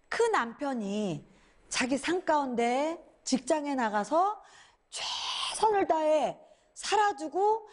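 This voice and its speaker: High, lively woman giving a talk. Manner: lively storytelling, acts out her own past complaints. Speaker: lecturer. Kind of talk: inspirational talk to a studio audience.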